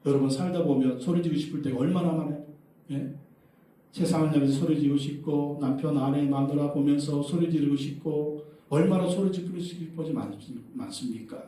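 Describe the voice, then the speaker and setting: A man preaching a sermon as pastor, asking the congregation questions and bursting into loud cried-out prayers. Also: fairly high pitch, a little fast. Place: church sanctuary. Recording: distant echoey church hall.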